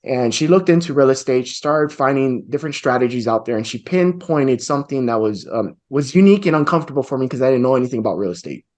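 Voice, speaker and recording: Over a video call from a home office lined with bookshelves, a real estate investor in his forties from Hawaii tells his story earnestly and reflectively as an interview answer. His mid-range voice is expressive and darkish, moving at a quick pace with hardly any pauses.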